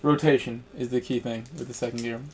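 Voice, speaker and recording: A man chatting casually on a live stream, rambling and relaxed while he snacks and races. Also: mid-range voice, quick pace, a little hiss or hum, poor audio. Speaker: sim racing streamer. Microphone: headset.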